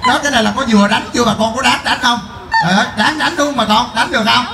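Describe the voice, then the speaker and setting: A man playing a loud, jealous wife who wails and scolds while hunting down her drunk husband in a live comedy skit. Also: extremely high pitch, rapid-fire, vocal fry, roomy sound. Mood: shrieking. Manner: wailing, scolding, crying out to the crowd.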